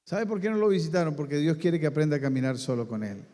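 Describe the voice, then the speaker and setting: A man's voice: fairly high pitch, fast, mellow. A man preaching a sermon as pastor, emphatic, calling out to his congregation and asking them questions. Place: church. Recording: long church hall reverb.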